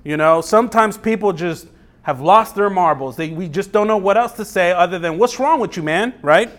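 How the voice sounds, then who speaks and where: Casting: male pastor, high-pitched voice, relaxed and chatty sermon, rhetorical questions. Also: normal speed. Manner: conversational preaching with rhetorical questions and acted-out quotes.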